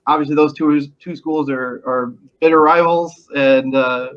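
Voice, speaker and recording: A male sports reporter asks a long question in a slightly high voice. He rambles and hesitates as he goes. The sound is muffled and lo-fi. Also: steady tone, unhurried. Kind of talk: casual interview question.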